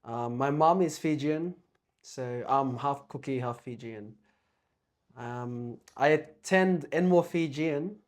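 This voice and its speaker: A young man from Australia speaks as a guest in a relaxed conversation. His pitch sits in a middle range. He talks softly and hesitantly, filling pauses with ums. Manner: soft-spoken and hesitant, with many ums. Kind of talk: casual chat.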